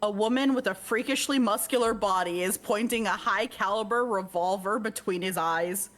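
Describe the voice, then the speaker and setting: A woman's voice: mid-range voice, normal speed, fairly bright tone. Woman reading a game's text aloud. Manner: reads text evenly, breaks off to joke and laugh. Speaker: streamer reading a visual novel aloud. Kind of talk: let's-play narration with casual asides.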